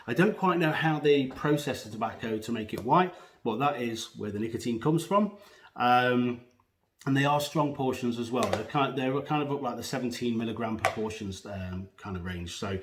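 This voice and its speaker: With a pouch tucked under his lip, a man gives an unscripted, casual product review, hesitant and rambling and correcting himself as he goes. His mid-range voice moves at normal speed. The room is echoey, with slight background noise.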